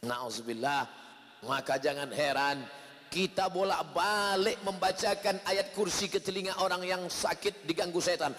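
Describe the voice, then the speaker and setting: A man preaching a sermon, telling stories with lively delivery and acting out the people in them. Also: normal speed, soft background music. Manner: animated storytelling, acts out quoted parents with shouts and high voices. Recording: long hall reverb, faint noise.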